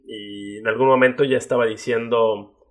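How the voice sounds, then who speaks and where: A young Mexican man with a Mexican Spanish accent, co-hosting a casual podcast chat in a lively, chatty way. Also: mid-range voice, moderate pace. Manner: chatty, lively, with many fillers. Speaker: podcast co-host.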